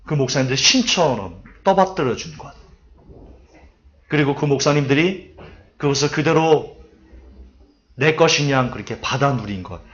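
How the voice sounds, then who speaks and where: A man preaching a sermon, telling stories and acting out quotes to make his points. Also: mid-range voice. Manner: lively storytelling with acted-out quotes and asides. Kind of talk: sermon lecture. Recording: dull lo-fi recording.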